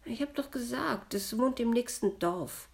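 A woman's voice: on the low side, very animated, takes it slowly, creaky, a little mellow, exaggerated voice. A woman voicing the ghost of a young girl, whiny, touchy and plaintive, in a read-aloud story. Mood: grumbling.

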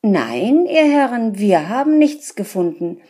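A woman's voice: medium pitch, huge pitch swings, takes it slowly, mellow, husky, voice pushed up, exaggerated voice. A woman reading a fairy tale aloud and voicing a patient, practical peasant wife who talks in a dry, matter-of-fact way. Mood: brisk.

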